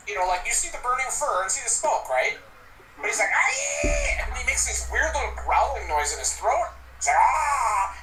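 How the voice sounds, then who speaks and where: A man narrating as game master, animated and laughing, now and then yelping little creature cries. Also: high-pitched, roomy sound, recorded from a distance, slight background noise, rough recording.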